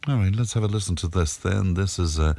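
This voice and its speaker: A man's voice: low voice, fairly quick, vocal fry, warm tone, no echo. An older man hosting a radio interview, asking probing questions. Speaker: radio host.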